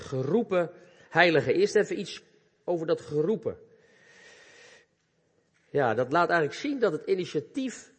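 A man's voice: fairly high pitch, slightly rough. Earnest male preacher in a reverberant church. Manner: earnest, animated, addresses youth directly. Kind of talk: sermon. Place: church hall. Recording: long reverb of a church hall.

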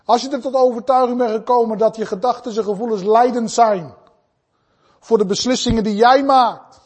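A man preaching a fervent sermon, swinging between loud, urgent passages and soft, pleading ones. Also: extremely high pitch, moderate pace.

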